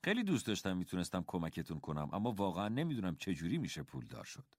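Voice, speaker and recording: A gentle, encouraging schoolteacher father, as a male narrator puts him on in an audiobook. He speaks calmly and kindly, his fairly low voice moving with lively rises and falls. The sound is dry and close. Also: no echo. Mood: warm encouraging.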